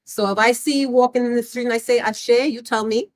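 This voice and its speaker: A woman with a fairly high voice explains things earnestly and with emphasis. The recording is dry and close. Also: fairly even intonation, brisk, no echo, low-quality recording. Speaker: interviewee. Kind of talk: street interview.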